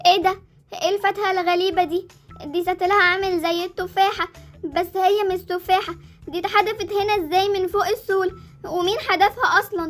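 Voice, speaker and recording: A woman's voice: very high-pitched, steady tone, quick pace, a bit bright, soft background music. A woman voicing a cheeky young girl with an Egyptian Arabic accent, chatty and bossy. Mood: curious.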